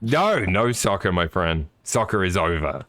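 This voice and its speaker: A man's voice: low-pitched, big pitch swings, a little slow, a bit bright, dry recording. A man giving live, chatty sim racing commentary with jokey, apologetic asides.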